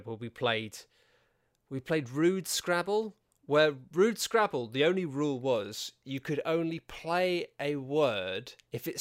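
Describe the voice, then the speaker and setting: A man from England chats on a podcast with a mid-range voice. He tells anecdotes wryly, poking fun at himself. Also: medium pitch. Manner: wry, self-deprecating storyteller. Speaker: podcast co-host. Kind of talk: casual chat.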